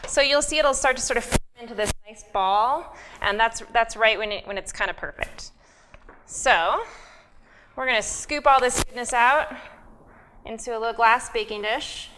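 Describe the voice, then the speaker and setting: A woman's voice: a little high, moderate pace, sharp tone, a little hiss or hum. A young adult woman giving a friendly cooking demonstration as a guest nutrition specialist, explaining steps with many fillers.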